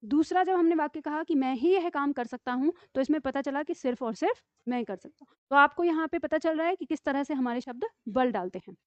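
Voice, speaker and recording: A woman teaching a grammar lesson, explaining step by step with frequent check-ins and slowly dictating example sentences. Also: high voice, expressive, no room sound. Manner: explains step by step, often asks "ठीक है?". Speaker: Hindi teacher. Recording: dull lo-fi dry room sound.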